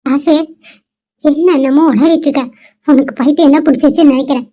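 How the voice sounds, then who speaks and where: A woman's voice: sits high, steady tone, a little fast, dark tone, lightly acted. A woman voicing a troubled young woman in a dubbed cartoon, who is facing an unwanted marriage and speaks in a flustered, pleading way. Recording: dull lo-fi recording.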